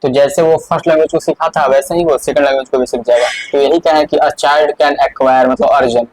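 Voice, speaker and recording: A man's voice: a little high, fairly even intonation, fairly quick, a little mellow, slight background noise, rough recording. A male teacher giving an exam-prep lesson, explaining step by step and repeating the key points with frequent fillers.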